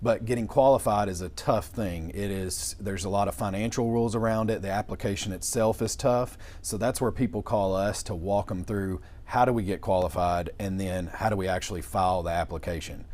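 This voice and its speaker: Speaking fairly quickly and with few pauses, a young estate planning lawyer gives interview answers in informal, down-home explanatory talk. His voice is lowish and somewhat dark, and his intonation stays fairly even.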